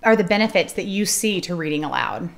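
A woman's voice: lowish voice, lively intonation, fairly quick, vocal fry. A woman in her thirties hosting a casual, conversational discussion at a table. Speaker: host. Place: living room, seated at a round table. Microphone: table-mounted microphone.

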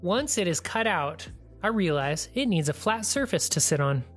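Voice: mid-range voice, lively intonation, moderate pace, fairly bright tone, faint music behind. A DIY channel host giving a plain, practical, step-by-step tutorial voice-over.

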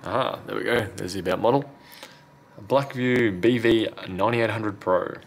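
Working at an indoor repair bench, a phone repair technician and video host narrates casually and unscripted, with the occasional muttered aside. His voice is lowish and normal in speed, over clear background noise.

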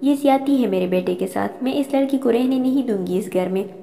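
A woman's voice: a little high, fairly quick, creaky, dark tone. A woman voicing an angry middle-aged mother who accuses her son and resents his bride. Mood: resentful. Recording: long reverb.

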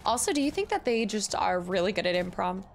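A woman's voice: mid-range voice, sing-song, fast, soft background music. A young adult woman streamer giving casual, chatty game commentary and thinking aloud in a room at home. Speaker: gaming streamer. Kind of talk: casual let's play commentary.

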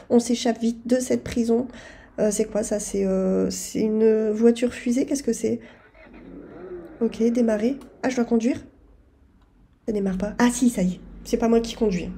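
A woman's voice: mid-range voice, fairly even intonation, moderate pace, dark tone. A woman giving chatty, self-mocking commentary over her own gameplay and talking straight to her viewers. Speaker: gaming video creator.

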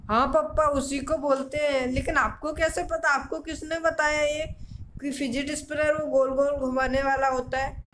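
A man's voice: very high voice, level tone, moderate pace, background noise. A young man playing a whiny teenage son who pleads with his parents for a toy in a comedy sketch. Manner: whining, pleading.

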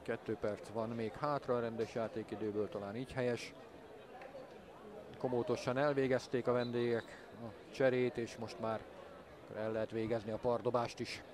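Even-toned male football commentator. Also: medium pitch. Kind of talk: measured live football match commentary. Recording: crowd noise from stadium. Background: stadium crowd.

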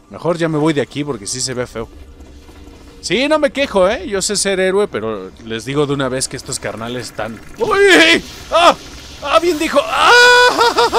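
A young man with a Mexican accent, joking and yelling through a let's play of a video game. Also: a little high. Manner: excitable, jokey, yells at enemies. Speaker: gaming YouTuber.

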